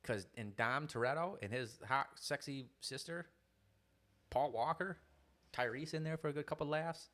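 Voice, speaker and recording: A man's voice: mid-range voice, moderate pace, a bit bright. A young man co-hosting a podcast, chatting casually, rambling and laughing often. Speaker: podcast co-host. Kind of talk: casual chat.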